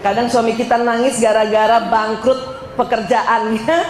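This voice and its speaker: A woman's voice: on the high side, normal speed, reverberant, slight background noise, low-quality recording. A woman from Indonesia giving a religious lecture to women, joking and speaking straight to her audience. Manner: lively, joking, addresses audience directly.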